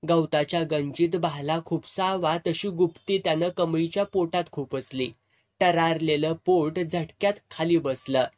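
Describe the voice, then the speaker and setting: A man with a fairly high voice tells a dramatic village story, painting scenes in vivid, earthy rural language. His delivery is expressive storytelling, steady through the narration. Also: a little slow.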